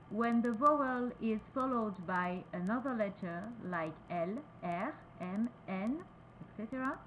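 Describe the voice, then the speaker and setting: A woman with a French accent teaching pronunciation, repeating each word slowly and switching between French and English. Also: a little high, a little hiss or hum, poor audio. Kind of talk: slow, careful pronunciation lesson.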